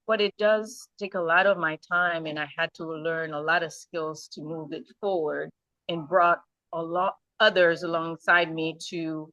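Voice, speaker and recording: A middle-aged woman from Haiti, answering interview questions earnestly and thoughtfully, often pausing to rephrase. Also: deep voice, fairly even intonation, a bit bright, no echo. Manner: earnest, thoughtful, with light laughs and restarts. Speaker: nonprofit founder and program director.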